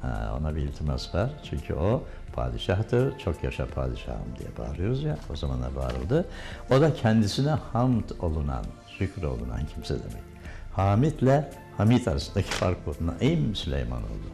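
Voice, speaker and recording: An older man with a low, mellow voice teaches diction, correcting stress and vowel length with pointed examples. His pitch swings widely as he demonstrates right and wrong pronunciations. Soft music plays faintly behind him. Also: wildly swooping pitch, normal speed, gravelly. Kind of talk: diction lesson.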